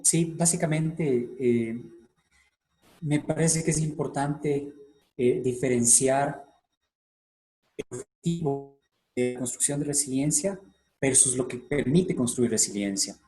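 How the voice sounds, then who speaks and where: A man, the guest speaker, explaining a concept in a deliberate way with frequent hesitations over a video call. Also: mid-range voice, warm tone. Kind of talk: expert explanation.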